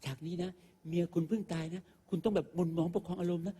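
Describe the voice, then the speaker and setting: A man's voice: high voice, steady tone, fast, warm tone, husky, big-room sound, pitched above the performer's own voice. A man mimicking a fussy male film director who coaches an actor with effusive, repeated praise. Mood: gushing.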